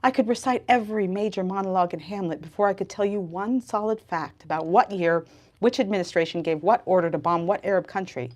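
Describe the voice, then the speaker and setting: A woman author from the United States, speaking fairly quickly in a mid-range, slightly mellow voice, presents her novel at a live bookstore event. She gives an expressive literary reading and book talk, delivered with drama and emphasis.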